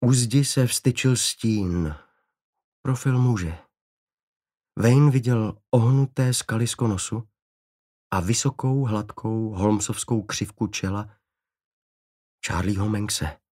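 A man reading an audiobook in a measured, steady narrating voice. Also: on the low side.

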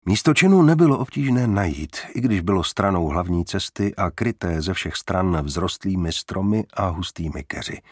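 A man narrating a first-person crime novel in a measured, wry way. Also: sits low, animated, a little mellow, breathy edge, no echo, studio quality. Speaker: audiobook narrator.

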